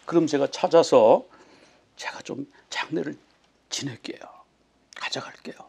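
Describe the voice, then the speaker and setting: A man voicing grieving women at an empty tomb, pleading through tears with questions in a slightly raised, gravelly voice. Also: on the high side, unhurried, a little mellow, heavily acted.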